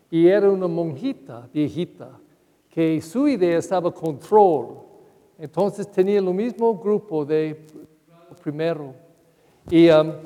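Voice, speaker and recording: Older priest, slow homily, long reverb. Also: male voice, high-pitched, dark tone. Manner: unhurried storytelling with anecdotes. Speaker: parish priest. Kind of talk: Sunday homily.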